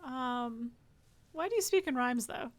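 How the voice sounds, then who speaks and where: A woman streams a game with casual, joking commentary, often answering the characters directly. Her voice sits on the high side and moves up and down a lot as she chats. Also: animated, unhurried. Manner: chatty, joking, talks back to game characters.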